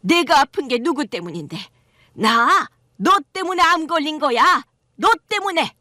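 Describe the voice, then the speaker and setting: A woman's voice: sits high, big pitch swings, normal speed, fairly bright tone, dry recording, studio quality, voice pushed up. A woman voicing a spiteful old mother-in-law who screeches accusations in an audio drama story. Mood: accusing. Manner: screeching, hostile scolding.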